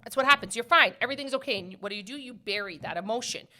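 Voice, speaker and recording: A woman's voice: a little high, animated, very fast, pushed and bright. A woman in her forties hosting a casual motivational talk show. She speaks emphatically, repeats her points and often ends with "right?". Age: 40s. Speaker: podcast host.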